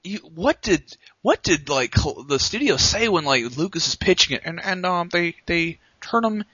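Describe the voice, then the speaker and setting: Bright-voiced slangy man co-hosting. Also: a little high, very animated, moderate pace, husky, no echo, muffled recording. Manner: loose, slangy, with many fillers. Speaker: podcast co-host. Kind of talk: casual film chat.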